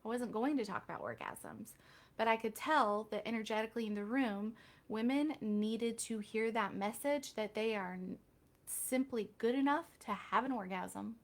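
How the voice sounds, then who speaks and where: Woman chatting on a live stream, kinda high voice, candid and jokey about herself. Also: lively intonation, moderate pace. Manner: chatty, candid, self-deprecating asides. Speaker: reiki healer hosting a live Q&A. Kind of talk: casual live-stream talk.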